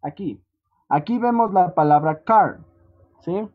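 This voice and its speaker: A teacher patiently walking students through an online lesson, often checking in with a quick "¿sí?". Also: mid-range voice, animated. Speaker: English teacher. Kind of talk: online class walkthrough. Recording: dull lo-fi online class audio.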